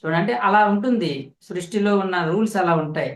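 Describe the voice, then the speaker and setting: The speaker is a male spiritual teacher with a slightly elevated voice. Speaking directly to listeners, he explains at a slow pace and repeats phrases to underline each idea, all captured with a noticeable room echo.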